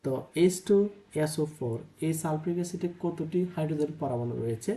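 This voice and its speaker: A man's voice: fairly high pitch, quick pace, dark tone. A male chemistry tutor working through exam problems step by step, asking and answering his own questions and mixing English terms and numbers into his speech. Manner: thinks aloud, asks and answers own questions, "তাই না?" checks. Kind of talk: exam-prep lesson, working problems aloud.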